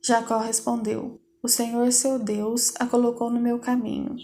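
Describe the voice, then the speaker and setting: Flat, gravelly woman reading scripture. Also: fairly high pitch, measured pace, a little hiss or hum. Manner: steady, even read-aloud delivery. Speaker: Bible reader.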